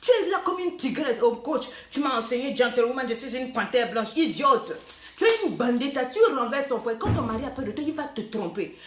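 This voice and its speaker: A woman coach with a high voice gives playful, teasing relationship advice, dropping English phrases now and then. Her voice rings in an echoey room. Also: big pitch swings, brisk, soft background music. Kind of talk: lively advice talk.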